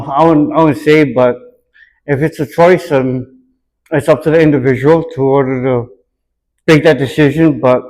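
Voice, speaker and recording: A man from Hawaii in the United States answers interview questions reflectively, in a slightly high voice with a darkish tone. He is earnest and deliberate, often echoing a question back before responding.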